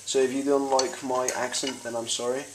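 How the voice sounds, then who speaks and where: Brief: Spanish-accented man, casual home cooking vlog, giggly and self-correcting, echoey kitchen with loud frying noise. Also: medium pitch, little pitch movement, fairly quick. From Spain. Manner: rambling, giggly, corrects himself. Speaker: home cook presenting a recipe. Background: sizzling pan and stirring.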